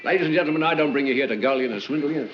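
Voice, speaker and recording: An actor playing a chatty, hustling auctioneer, in theatrical, repetitive sales patter from 1940s film acting. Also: male voice, medium pitch, very fast, close to an everyday voice. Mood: cajoling. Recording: muffled 1940s film soundtrack, music behind.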